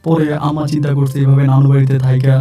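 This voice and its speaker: A man's voice: medium pitch, flat delivery, racing, dark tone. A man telling his own true-life story in plain, conversational first-person narration, often repeating himself. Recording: distant mic with faint music.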